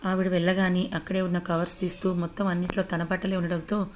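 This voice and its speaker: Low, flat-voiced woman storyteller. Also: fast, a little hiss or hum. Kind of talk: scripted audiobook narration.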